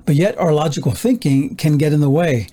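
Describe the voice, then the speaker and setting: A man preaching a sermon, teaching in a measured, earnest way and quoting scripture as he goes. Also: on the high side, lively intonation, mellow.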